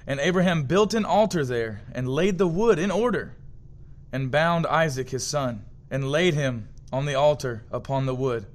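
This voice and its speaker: A man reading a long scripture passage aloud in a steady, measured way. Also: a little high. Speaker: scripture reader.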